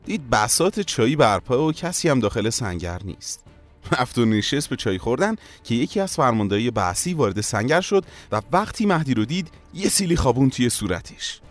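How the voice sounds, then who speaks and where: A man's voice: medium pitch, sing-song. A man narrating a war memoir in a solemn, storytelling manner, as scripted narration. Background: faint music.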